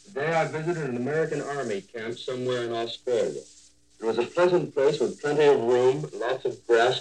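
Male war correspondent, 1940s radio news; even-pitched, measured scripted read. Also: low-quality recording. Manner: measured, descriptive reading from script.

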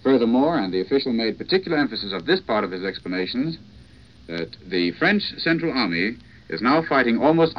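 Breathless male correspondent, formal news delivery, old 1940s radio sound, muffled and faintly hissy. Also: medium pitch. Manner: formal, measured delivery with restarts. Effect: old 1940s radio broadcast. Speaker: foreign correspondent. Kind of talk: live radio news report. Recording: dull lo-fi vintage radio with faint hiss.

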